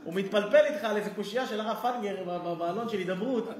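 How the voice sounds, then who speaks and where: A man, a rabbi, giving a humorous lesson in a synagogue and acting out the people in his stories. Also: high voice. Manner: lively storyteller who acts out quoted people. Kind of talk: humorous sermon. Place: synagogue hall. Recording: roomy synagogue echo.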